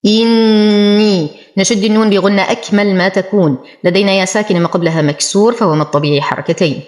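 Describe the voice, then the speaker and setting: A woman teaching Quran recitation, explaining the rules of each word and then reciting it slowly and deliberately. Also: mid-range voice. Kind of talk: tajweed lesson with slow recited examples.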